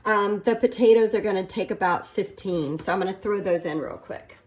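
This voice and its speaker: Woman, cooking video host, medium pitch, casual, halting, filler-heavy, playful and flirty. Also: darkish tone.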